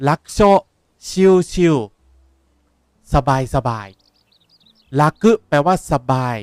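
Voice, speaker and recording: A young man, a language teacher explaining words in a lively way while playing a game. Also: mid-range voice, drawn-out words, no echo. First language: Japanese. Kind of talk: game playthrough lesson.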